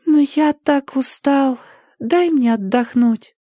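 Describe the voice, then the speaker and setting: A dazed young boy's ghost speaks in a high, slow, drowsy voice, as the audiobook reader puts him on. He sounds as if he is about to doze off. The delivery is dry and close. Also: mellow, dry recording. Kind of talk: audiobook character voice.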